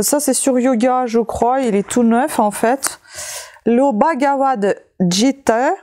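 Slow, soft-voiced woman listing books. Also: medium pitch. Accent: French-speaking with a non-native accent. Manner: slow, hesitant listing with many fillers. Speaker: vlogger showing found books. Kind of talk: casual haul video chat.

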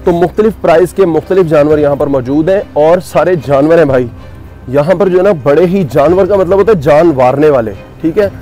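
A man's voice: a little high, brisk, dark tone, faint music behind. A man giving casual walking vlog commentary while touring a cattle farm outdoors, chatty and joking with his viewers.

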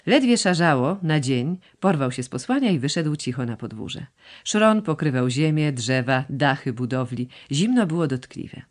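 A woman narrating a classic novel as an audiobook, reading with expressive, varied intonation. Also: sits low, moderate pace. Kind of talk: scripted literary narration.

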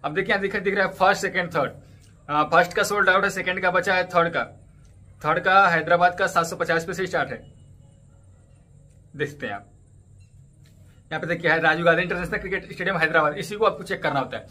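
Brisk, bright-voiced man chatting to camera. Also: high voice. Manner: chatty, repeats channel plugs, walks through app steps. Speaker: cricket ticket update YouTuber. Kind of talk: casual tutorial vlog. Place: indoors in front of a green screen stadium backdrop.

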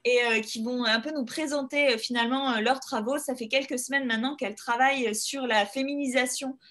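A woman moderating an online round table, her voice sitting a little high. She talks haltingly, restarting sentences and filling pauses as she hands over the floor. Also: steady tone, fairly bright tone. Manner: hesitant, many fillers and restarts. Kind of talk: hosting an online panel.

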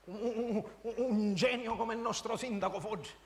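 A man's voice: high-pitched, moderate pace. A man as a giggly, rambling Sicilian priest. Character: cheeky, chattering priest, Padre Attanasio. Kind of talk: comic sketch acting. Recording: reverberant hall, faint noise.

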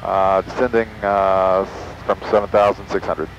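A man's voice: low voice, little pitch movement, dull audio, slight background noise. Man on a cockpit headset, radio calls. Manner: brisk clipped radio phrasing. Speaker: student pilot. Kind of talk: radio calls to air traffic control. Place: small plane cockpit in flight. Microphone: cockpit headset mic.

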